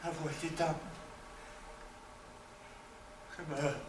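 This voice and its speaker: A man playing an anguished, grandiose villain in a verse melodrama, declaiming with dramatic pauses. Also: on the high side, level tone, music in the background, close to an everyday voice. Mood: faltering. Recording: roomy, noisy, distant microphone.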